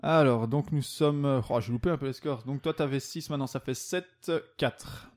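A man's voice: medium pitch, normal speed, darkish tone. A man hosting a casual sports quiz among friends, teasing and laughing as he reads questions and keeps score. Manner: laughing, playful, self-mocking. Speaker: quiz host.

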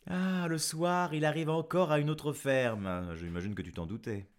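A man's voice: fairly high pitch, moderate pace. A man telling a folk tale with playful asides to a listener. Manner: playful, animated, teasing asides. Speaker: storyteller. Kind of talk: storytelling to a child.

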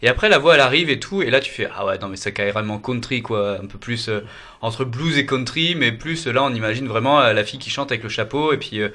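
A man's voice: mid-range voice, fast talker, bright, forceful tone. A man co-presenting a music show, chatting casually and joking about a song. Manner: chatty, uses fillers, jokey. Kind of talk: casual music review chat.

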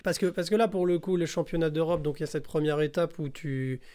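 A man's voice: a little high, fast, a little mellow. A man hosting a casual interview, prompting the guest and finishing his thoughts. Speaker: interviewer, host.

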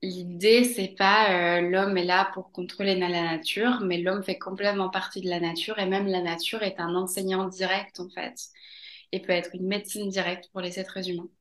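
A woman's voice: medium pitch, level tone, normal speed, fairly bright tone, reverberant. A woman from Mexico, a podcast guest talking casually, hesitating with many fillers and laughing often. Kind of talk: casual interview.

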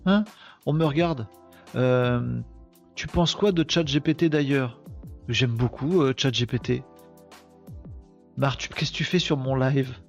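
Gravelly, chatty male live-stream host. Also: medium pitch, unhurried, pauses often. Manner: chatty, self-mocking, reads chat comments aloud. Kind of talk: casual live stream chat. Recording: slightly dull sound with faint music behind.

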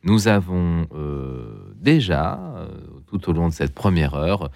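A male radio host with a very low voice, speaking from a dry studio. He is courteous and a little hesitant, filling pauses with fillers as he guides callers through a late-night show. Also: animated, gravelly, a little mellow, dry recording. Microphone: studio microphone.

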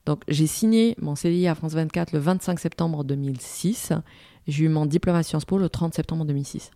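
In an interview, a journalist and news presenter from Morocco, in her forties, recounts her career with lively energy, restarting sentences and using fillers. She speaks briskly in a low voice, with no room sound audible.

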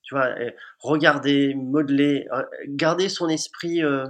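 A man's voice: on the high side, fairly even intonation, unhurried. A man, a dentist, talking conversationally about his practice with frequent hesitations. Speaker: dentist guest. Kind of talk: podcast conversation.

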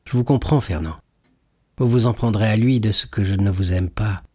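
A man's voice: lowish voice, normal speed, mellow, slightly rough, no room sound. A man reading aloud voices a passionate, loyal young fiancée who pleads with fervor in a storybook. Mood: earnest pleading. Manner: fervent, tearful pleading.

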